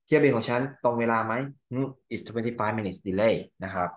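A man with a Thai accent and a lowish voice reviews exam answers, slowly reading English lines aloud and explaining them one by one in Thai.

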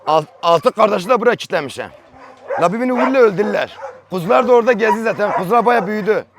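A man filming a casual farm vlog, barking short sharp commands at a dog and grumbling bluntly between them, outdoors on a farm. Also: high-pitched, expressive, racing, noisy background. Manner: blunt, grumbling colloquial talk. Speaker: dog trainer and farm vlogger.

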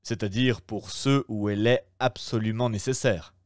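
A man reading aloud and voicing a calm, shrewd young gentleman who talks in a measured, persuasive way. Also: fairly low pitch, clean tone, dry recording, clean studio sound, natural voice.

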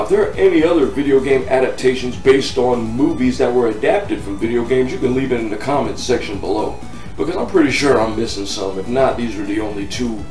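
This American game reviewer, a man in his thirties, vlogs from his living-room couch, casual and blunt, often repeating himself to drive points home. His mid-range voice is a little mellow. The recording has a roomy feel from a distant mic, with music underneath.

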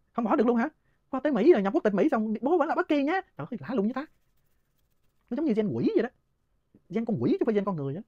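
A man's voice: very high-pitched, sing-song, dark tone, dry recording, lo-fi sound. A man, hosting and answering listener questions in a heated, scornful monologue punctuated by laughs. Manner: rapid, scornful ranting with frequent laughs.

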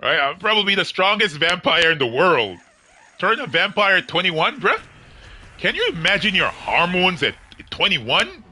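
A man's voice: high-pitched, sing-song, normal speed, bright, forceful tone, breathy edge. A young man chatting casually with viewers on his game livestream, joking and laughing often in slangy talk.

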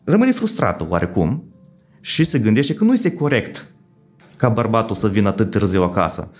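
A man's voice: fairly low pitch, sing-song, faint music behind. Man explaining as a psychologist. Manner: explains with worked examples, often checks in with "da?". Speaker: psychologist guest. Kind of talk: explanatory interview talk.

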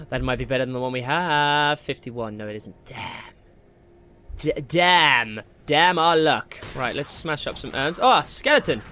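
A man with a mid-range, bright voice and a forceful tone hosts a gaming video, giving casual Let's Play commentary full of jokey, slangy asides to himself. Video game music plays behind him, with slight background noise.

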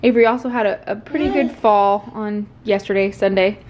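A woman's voice: mid-range voice, fairly even intonation, brisk, darkish tone, a little hiss or hum. A woman in her twenties chatting casually to camera in her home kitchen, upbeat and talking with her hands. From Texas. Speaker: lifestyle vlogger. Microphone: camera on a tripod across the kitchen.

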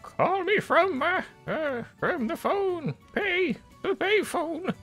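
Man's falsetto as doting old mother, high and slow-fussing, game dub. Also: animated, over music, exaggerated voice. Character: sweet doting elderly mother, a bit scatterbrained. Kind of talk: video game voice acting.

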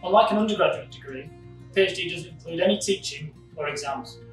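Fast-talking man from Lancaster. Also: on the high side. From Lancaster, England. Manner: brisk, clear explainer. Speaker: postdoctoral research associate. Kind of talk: scripted explanation to camera. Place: university lab, indoors. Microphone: camera at a distance. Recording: echoey lab with distant mic, guitar music behind.

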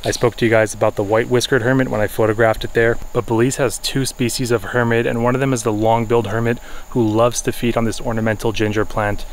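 Fast-talking man vlogging outdoors. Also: on the low side. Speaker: wildlife photographer and vlogger. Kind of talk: explanatory vlog talk to camera. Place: outdoors in jungle, orchard and by a river. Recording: faint outdoor ambient noise.

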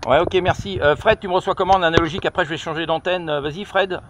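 With a slightly high voice, fast delivery and fairly even intonation, a middle-aged man makes informal radio calls during a handset field test. He is an amateur radio operator on a high outdoor viewpoint over countryside, hesitating and repeating himself. A camera just behind his shoulder records noisy outdoor phone audio with clicks.

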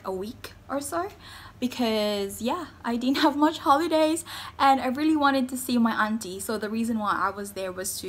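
A young woman from the Philippines chatting in a casual, excitable vlog, full of fillers and quick bursts of enthusiasm. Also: on the high side. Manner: bubbly, excitable, lots of fillers. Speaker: vlogger.

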